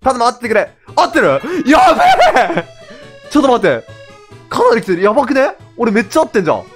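Excitable male game streamer, very high voice, bouncy delivery, background music under him. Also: racing. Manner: excitable, laughing, talks to himself. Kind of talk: casual gameplay commentary.

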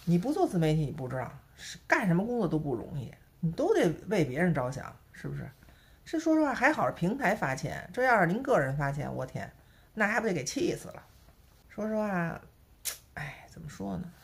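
A woman's voice: lowish voice, sing-song, a little fast. A woman with a Beijing accent chatting casually to camera as a vlogger, peppering her talk with rhetorical tag questions. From Beijing, China.

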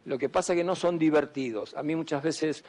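A man's voice: fairly high pitch, a little fast, darkish tone, a little hiss or hum. A man, a doctor giving an emphatic public talk to students and often asking them questions. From Argentina. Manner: asks the audience questions, emphatic.

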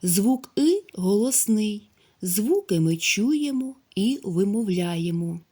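A woman teacher giving a recorded phonics lesson to young children, speaking slowly and spelling out each sound clearly. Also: medium pitch, big pitch swings, mellow. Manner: slow, drawn-out, clearly articulated speech for young children. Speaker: primary school teacher.

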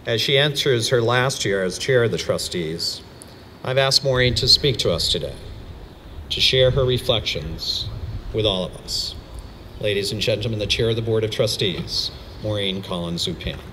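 A man introducing a speaker at a ceremony, deliberate and ceremonious as a college president. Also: lowish voice, pushed and bright, slight background noise. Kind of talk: formal introduction.

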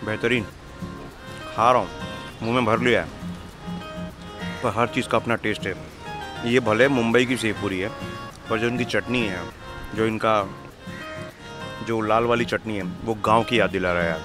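A man's voice: fairly low pitch, steady tone, over music. Chatty young man vlogging street food. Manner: chatty, enthusiastic, asks quick questions. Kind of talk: casual street food vlog. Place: outdoors on a city street. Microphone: handheld lapel mic.

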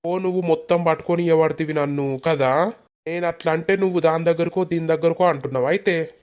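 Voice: mid-range voice, fast talker, darkish tone, close to an everyday voice. A performer doing Raju, a hurt village man. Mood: scolding. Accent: Telangana Telugu. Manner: reproachful, pleading, repetitive. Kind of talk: animated village comedy dialogue.

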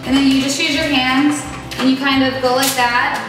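A woman's voice: high-pitched, flat delivery, normal speed. Chatty young woman in an echoey kitchen. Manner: chatty, exclaiming, self-mocking. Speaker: vlogger cooking in her kitchen. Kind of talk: casual cooking vlog. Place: home kitchen, indoors. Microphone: camera mic, medium distance. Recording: echoey kitchen with background music.

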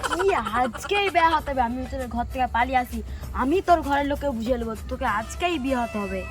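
A woman's voice: high voice, lively intonation, soft background music. A woman with a Medinipur Bengali accent, playing a bossy runaway bride in a village comedy sketch. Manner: bossy, insistent, fast talk. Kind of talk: amateur village comedy acting.

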